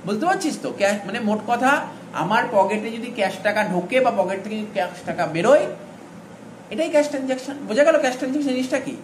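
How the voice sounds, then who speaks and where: This accounting teacher talks quickly in a high-pitched, expressive voice, keeping his classroom lecture casual. He addresses the students straight on and keeps asking "all right?" to confirm they're keeping up, and the room sounds echoey with a faint ambient hum.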